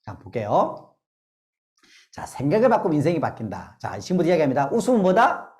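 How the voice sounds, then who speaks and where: Animated Korean woman leading laughter therapy. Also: low voice, brisk. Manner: animated, bursts into forced laughter drills. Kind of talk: lively lecture with call-and-response. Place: lecture hall.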